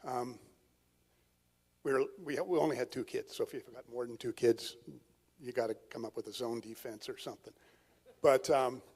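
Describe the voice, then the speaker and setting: A middle-aged or older man giving informal, reflective personal testimony in a halting way. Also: mid-range voice, steady tone, darkish tone, husky, long reverb tail. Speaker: husband and father on a marriage panel.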